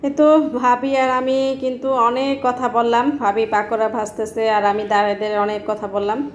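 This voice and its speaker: A woman's voice: mid-range voice, echoey room, slight background noise. A woman vlogging casually, chatting with a friend and narrating to her viewers. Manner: chatty, explains to viewers while cooking. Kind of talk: casual vlog narration and chat. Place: apartment home.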